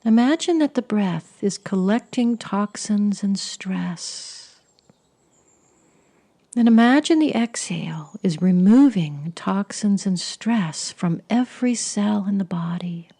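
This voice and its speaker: A woman guides a meditation at a very unhurried pace. Her voice is soft and mellow, with a husky breathiness that often drifts toward a whisper. The delivery is soothing throughout. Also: medium pitch, expressive.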